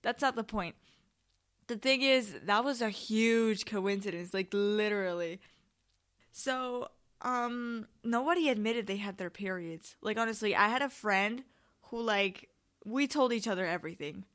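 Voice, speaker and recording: A woman's voice: medium pitch, measured pace, fairly bright tone. A woman hosting a podcast in a casual, chatty way, telling personal stories in informal, rambling, sweary monologue. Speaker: podcast host.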